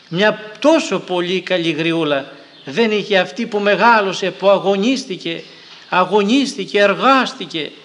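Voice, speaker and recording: Older male elder, high-pitched, storytelling sermon with repeated phrases, recorded in a long-echo hall. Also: a bit bright. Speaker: monastic elder preaching. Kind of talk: sermon with moral stories.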